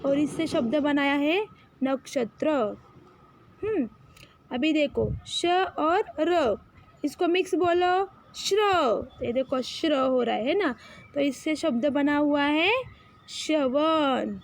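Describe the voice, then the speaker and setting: A woman's voice: high-pitched, lively intonation. A woman teaching children the Hindi alphabet, patiently calling out letters and stretching each word for them to repeat. Her first language is Marathi. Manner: slow, drawn-out, patient, calls out letters for repetition.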